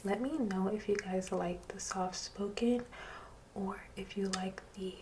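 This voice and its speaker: A woman doing soft-spoken ASMR reading, drifting between a hushed voice and a whisper. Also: mid-range voice, steady tone, measured pace. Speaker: ASMR channel host. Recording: street noise in background. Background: street traffic.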